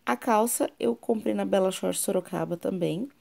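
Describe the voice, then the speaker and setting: A woman's voice: medium pitch, moderate pace, creaky, mellow. A young Brazilian mother with a São Paulo interior accent, chatting playfully and coaxing her little daughter in a casual family vlog. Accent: Brazilian Portuguese, São Paulo interior. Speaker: vlogger, mother.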